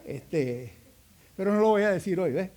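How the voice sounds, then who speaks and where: A man's voice: high voice, animated, moderate pace, a little mellow. A Cuban man preaching a sermon, telling stories in a folksy way with humorous asides. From Cuba.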